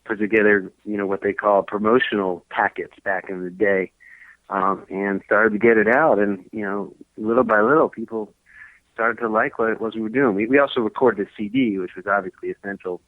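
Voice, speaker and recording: A man's voice: lowish voice, fairly even intonation, fairly quick, no echo. Rambling man in his thirties on a tinny line. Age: 30s. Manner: rambling, many fillers and restarts. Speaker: guest musician. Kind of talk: casual podcast interview. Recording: tinny phone-line sound.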